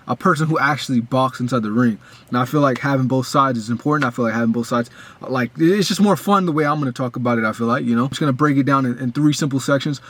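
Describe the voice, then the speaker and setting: A young man giving a casual, rambling breakdown of a boxing match as a fan, full of restarts and fillers. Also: mid-range voice.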